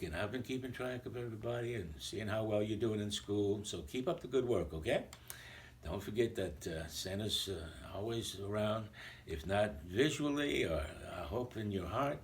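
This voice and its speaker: A man playing a jolly old Santa Claus, chatting playfully and rambling a little as he greets a school full of children in a recorded video message. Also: on the low side.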